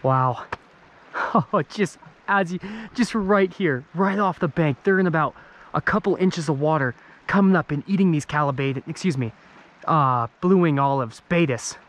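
Excitable young man vlogging outdoors. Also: on the high side, normal speed. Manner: excitable, chatty, addresses viewers as guys. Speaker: fishing vlogger. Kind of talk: casual outdoor vlog. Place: riverbank outdoors, then inside a truck camper.

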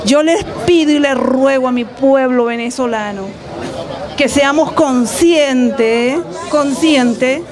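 A woman's voice: sits high, slow. An older woman from Chile with a Chilean Spanish accent, making an earnest, pleading public appeal into handheld mics in an outdoor plaza. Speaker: guest speaking on street radio. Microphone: several handheld mics at her mouth. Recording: crowd noise around.

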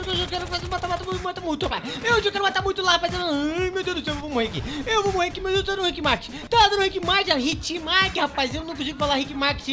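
A man giving excitable gameplay commentary, exclaiming constantly as he plays. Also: very high-pitched. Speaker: gaming channel host.

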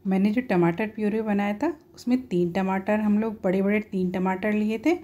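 A woman's voice: mid-range voice, steady tone, moderate pace, dark tone. A woman at home, talking viewers through a cooking recipe step by step in a plain, homely, instructive way. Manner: homely, instructive, often says "dekhiye".

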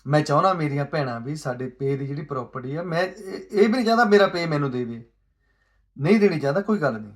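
A man pleads his case on social matters in a fast, expressive delivery at fairly high pitch. Rhetorical questions recur as he moves between soft remarks and emphatic ones.

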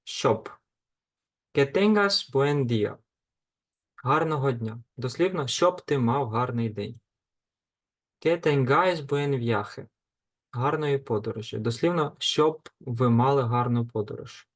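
Slow, deliberate man teaching grammar. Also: mid-range voice, animated. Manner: slow, deliberate listing of verb forms. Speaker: language teacher. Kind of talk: grammar lesson.

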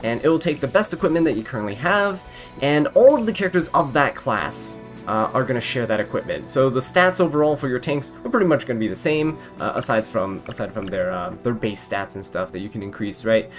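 A young gaming video creator narrates gameplay in a chatty, amused way, drifting onto tangents. His voice-over was recorded separately, medium-pitched, animated and a little fast, with soft game music behind it.

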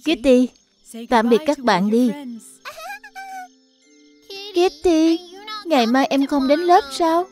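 In a dubbed children's cartoon, an actor voices a young animal cub who sounds eager and friendly like a child. The voice is high-pitched, slow, and a little mellow, with long pauses, and music plays underneath.

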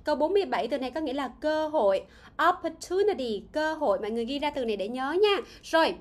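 A woman English teacher giving a livestream grammar lesson, reading out viewers' answers, asking them questions and repeating words slowly. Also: high voice, expressive.

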